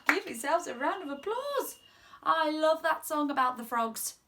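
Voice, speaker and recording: A British woman in her twenties hosts children's story time from a small room at home. Her high voice moves at normal speed, animated and sing-song with exaggerated expression.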